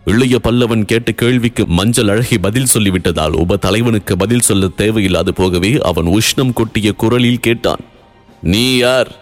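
A man narrating a story in a steady, formal literary reading. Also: fairly low pitch, moderate pace, hardly any pauses, soft background music.

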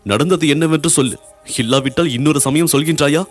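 A man voicing a dignified royal princess who speaks with measured authority. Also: on the high side, soft background music, voice pushed up, close to an everyday voice. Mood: stern. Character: dignified royal princess, stern yet compassionate.

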